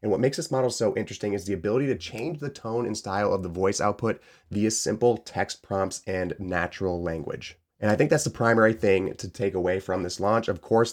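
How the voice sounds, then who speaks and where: A man's voice: deep voice, steady tone, a little fast, hardly any pauses. A man hosting a solo tech podcast, upbeat and explanatory, taking care with a tired voice. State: saving a tired voice. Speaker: podcast host.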